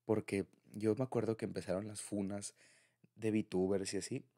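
Speaking at a moderate pace in a level, mellow voice on the low side, a young man with a Mexican accent plays the boyfriend in an intimate audio roleplay. His talk to his partner stays conversational, casual and confiding.

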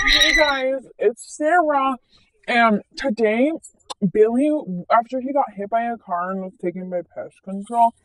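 A woman's voice: on the high side, no room sound, low-quality recording. A woman playing a scatterbrained mom in a comedic vlog sketch, rambling and breaking into melodramatic outbursts. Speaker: parody mom vlogger.

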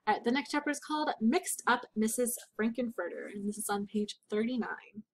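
A woman's voice: fairly high pitch, expressive, fairly quick. A woman reading a children's book aloud to young listeners, stopping to explain words and ask them questions.

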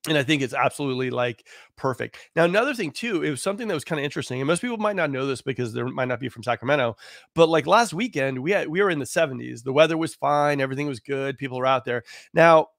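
A hoarse man, a real estate agent, talking casually on a live stream in a rambling way full of fillers. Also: medium pitch, expressive, fast, fairly bright tone, no echo, clean studio sound. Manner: rambling, full of "you know" and "like".

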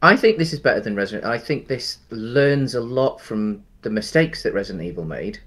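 A thirty-something podcast co-host chats loosely about movies from a room in his home over a headset, often restarting and saying "um." His mid-range voice sounds animated, fairly quick, and a little bright.

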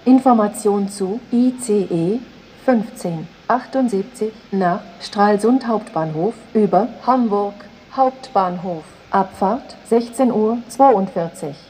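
Female station announcer, flat platform announcement, mellow and measured, faint ambience behind. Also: medium pitch, a little hiss or hum, poor audio. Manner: flat, measured, segmented delivery.

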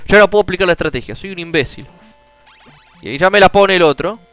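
A young man with a Rioplatense Spanish accent giving casual commentary on a retro game, frustrated, swearing often and bursting into shouts. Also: high-pitched, lively intonation, fast, clear, resonant tone, dry recording, faint music behind, rough recording. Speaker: gameplay streamer.

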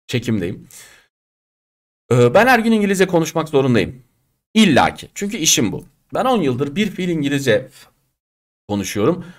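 A man teaching an online English class, chatty and direct, acting out quoted speech and regional ways of talking. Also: mid-range voice. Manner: lively, chatty, direct, addresses students as friends; acts out quoted speech and regional Turkish dialects.

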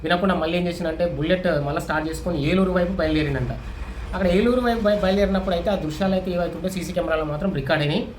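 A man's voice: high-pitched, racing. A man giving casual, opinionated spoken news commentary, with many restarts and fillers. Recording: echoey room with faint ambient noise.

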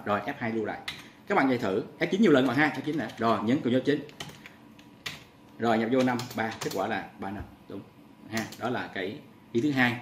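Man, programming tutor, step-by-step explanation, repeats key presses, echoey room, faint background noise. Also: medium pitch. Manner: talks step by step, repeats key presses, often adds "các bạn ha". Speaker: programming teacher. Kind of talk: screen-recorded coding tutorial.

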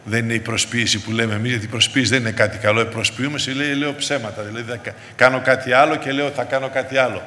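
A man's voice: medium pitch, steady tone, few pauses, bright, forceful tone. Fervent preacher man in an echoing hall. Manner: fervent, repeatedly addressing the congregation as brothers. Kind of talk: sermon. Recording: reverberant hall with faint background noise.

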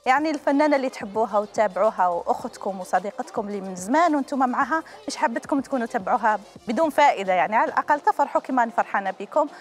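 A woman's voice: a little high, animated, very fast, hardly any pauses, faint music behind. A woman in her thirties with an Algerian Arabic accent, hosting a live call-in TV game show in a chatty, affectionate way from a studio on a lapel mic. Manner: chatty, affectionate toward callers.

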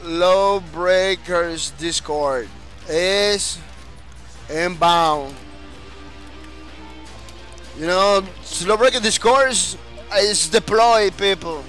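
This Dominican game streamer has a high voice and a fairly bright tone, drawing out his words and pausing often over faint background music. In a Spanish accent, he chats energetically with his audience, reads their comments, and repeatedly restarts what he's saying.

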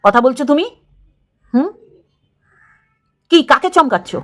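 A woman's voice: sits high, expressive, measured pace, fairly bright tone. A middle-aged woman, scolding another creator in an angry video rant, repeating her points. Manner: scolding, confrontational, repeats phrases. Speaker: YouTube creator.

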